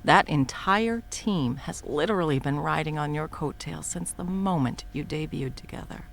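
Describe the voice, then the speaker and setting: A woman in her thirties voices a blunt, profane supervillain in an audio roleplay, a sharp-tongued longtime arch-enemy who mocks at first, then coaxes with pet names. She sounds indignant, with a deep, gravelly voice at a moderate pace. There's slight background noise.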